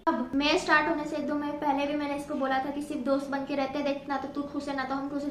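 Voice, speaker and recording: A young woman telling a personal story in a casual vlog, animated, mixing Hindi and English and imitating others. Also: high-pitched, reverberant, a little hiss or hum. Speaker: storytime vlogger.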